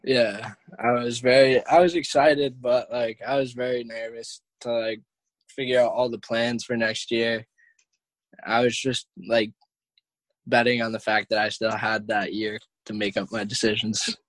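A man's voice: medium pitch, level tone, measured pace, dry recording, low-quality recording. An eighteen-year-old young man talking in a nervous, hedging way with fillers. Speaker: high school senior.

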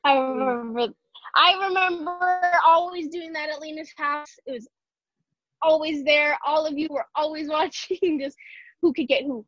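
A teenage girl just out of high school, halting and giggly as she thanks people. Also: fairly bright tone, dry recording, muffled recording. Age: teens. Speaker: graduating student.

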